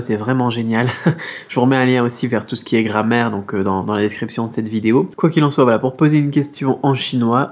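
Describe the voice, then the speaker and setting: A man teaching beginner Mandarin in an online lesson, explaining with upbeat enthusiasm and slowing down to spell out syllables. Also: mid-range voice, darkish tone, slightly rough.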